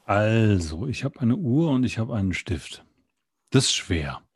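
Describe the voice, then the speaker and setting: A man's voice: fairly low pitch, very animated, a little slow, husky, no room sound, studio quality. A man improvising a story and explaining his thinking aloud between the story parts.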